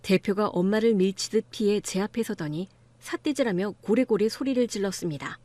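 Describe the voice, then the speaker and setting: A young woman narrating an audiobook story as the lead, a lawyer, with calm narration and sharp, defiant dialogue. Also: mid-range voice, brisk, no echo.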